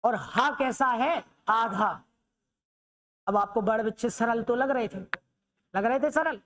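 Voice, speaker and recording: A woman's voice: fairly high pitch, measured pace, fairly bright tone. A woman teaching the Hindi alphabet in a classroom lesson, asking questions and answering them herself, often checking that students understand.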